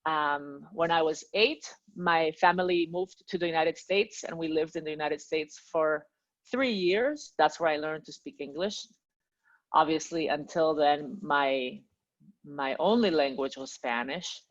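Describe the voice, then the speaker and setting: Guest: Peruvian-born woman, low voice, friendly and chatty, muffled lo-fi audio. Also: unhurried. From Peru. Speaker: guest, language teacher. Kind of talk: casual interview chat.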